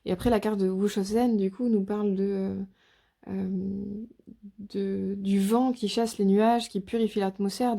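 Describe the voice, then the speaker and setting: A woman giving a casual tarot reading to her viewers, speaking softly and hesitantly with many fillers and restarts. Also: medium pitch. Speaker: tarot reader.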